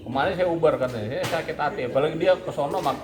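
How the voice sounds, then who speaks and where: A man's voice: fairly high pitch, fast, reverberant, crowd noise. A man, an Islamic preacher telling a story in casual talk and acting out the voices of the people in it.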